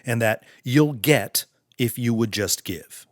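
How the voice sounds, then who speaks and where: A male podcast host giving an earnest, preachy motivational monologue in slow, deliberate phrases. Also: mid-range voice, no echo, studio quality.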